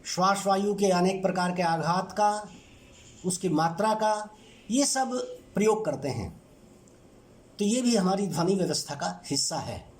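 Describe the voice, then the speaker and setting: A man teaching a lesson on language sounds, speaking in measured, deliberate short phrases with pauses. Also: high-pitched, lively intonation. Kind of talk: explanatory lecture.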